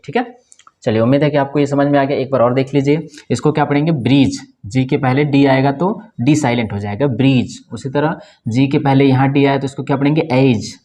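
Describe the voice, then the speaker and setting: A man at a middle, ordinary pitch teaches a pronunciation lesson in a patient classroom way. He keeps asking the class what a word is read as, then answers it himself. Short check-ins punctuate every point. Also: darkish tone. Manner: repeats questions and answers them himself; frequent checking fillers like "okay, right". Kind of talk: classroom lesson explaining rules.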